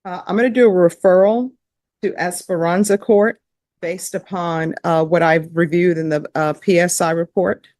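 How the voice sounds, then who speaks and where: A woman judge running a hearing in a measured, procedural way, with a few light fillers. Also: fairly low pitch, steady tone, darkish tone, no room sound, clean studio sound. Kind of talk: courtroom proceedings.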